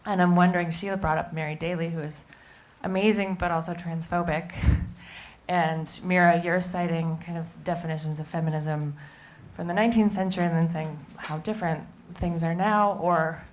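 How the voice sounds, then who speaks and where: A woman's voice: on the low side, fairly even intonation, normal speed, slight background noise. A woman from the audience asking a panel a question, nervous with a shaky voice. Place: museum event room.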